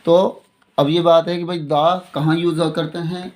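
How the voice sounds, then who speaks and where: Guy doing a grammar lesson, kinda high voice, slow, keeps checking u got it. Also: level tone, darkish tone. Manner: slow and repetitive, often asking "theek hai na". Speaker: English grammar teacher. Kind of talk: classroom-style lesson explaining in Hindi with English examples.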